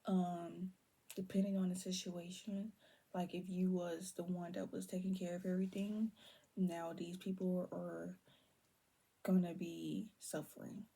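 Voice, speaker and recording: Husky, gravelly-voiced woman reading tarot. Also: little pitch movement, unhurried. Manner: drifts between low talk and soft whispers, trails off; holds her voice down on purpose. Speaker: tarot reader. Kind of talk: casual tarot reading to viewers.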